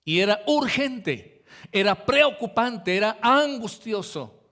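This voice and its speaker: A man's voice: high voice, lively intonation, takes it slowly, bright, forceful tone. A man preaching a sermon as pastor, talking to the congregation in a conversational way and acting out the voices he quotes. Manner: conversational preaching, addresses listeners directly, acts out quoted voices.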